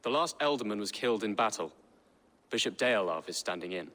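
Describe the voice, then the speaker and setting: A man's voice: lowish voice, lively intonation, brisk, pushed and bright, long reverb tail. A man voicing a young nobleman heir in video game dialogue, formal and earnest in how he speaks.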